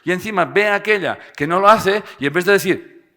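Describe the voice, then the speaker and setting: A man speaks to a live audience in a lively seminar style. His voice is bright and forceful, and he keeps checking in with his listeners through playful tag questions. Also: high-pitched, a little fast. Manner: animated, tags phrases with "¿eh?" and jokes with the audience.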